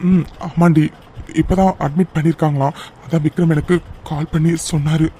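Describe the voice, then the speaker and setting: Someone doing a soft, reassuring young husband. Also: medium pitch, steady tone, a little fast, slight background noise, lightly acted. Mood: hesitant. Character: young husband, gentle and comforting. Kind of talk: cartoon voice acting.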